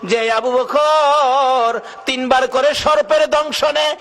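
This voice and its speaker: A man's voice: very high voice, fairly even intonation, takes it slowly, fairly bright tone, pitched above the performer's own voice, exaggerated voice. A man preacher voicing a loyal, self-sacrificing companion who speaks earnestly and with rising passion. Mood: impassioned.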